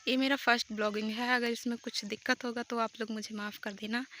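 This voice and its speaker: Bright-voiced young woman touring her village home. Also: fairly high pitch, a little hiss or hum. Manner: chatty, apologetic, homely commentary. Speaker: village vlogger. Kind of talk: casual village vlog tour. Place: outdoors at a rural home.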